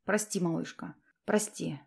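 A woman reading aloud puts on a proud male commander from a romantic fantasy audiobook. His voice sits low and quiet, gentle in affection and firm and curt when he commands. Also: fairly quick, vocal fry, close to an everyday voice. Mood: tender. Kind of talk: audiobook character voice.

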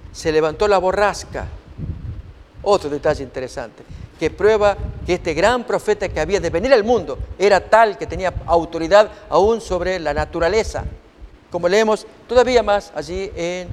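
High-voiced preacher in a reverberant hall. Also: male voice, slight background noise. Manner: reads scripture aloud and asks the listeners rhetorical questions. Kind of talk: sermon-style Bible teaching.

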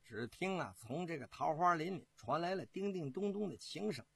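A man telling a traditional historical story in a lively, rhythmic manner, with drawn-out fillers. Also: fairly high pitch, dry recording. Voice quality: husky.

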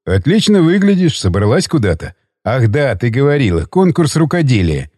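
Mocking vengeful young man, voiced by a male narrator, low drawling voice, dry audiobook sound. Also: big pitch swings, moderate pace, warm tone, no echo. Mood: taunting. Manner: taunting, drawling, smug. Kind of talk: audiobook character reading.

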